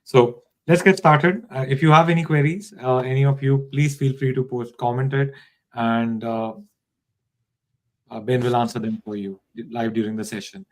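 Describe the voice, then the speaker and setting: A man's voice: medium pitch, steady tone, moderate pace, low-quality recording. A man hosting a live online session, welcoming viewers and reading out their comments over a video call. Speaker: live-stream host.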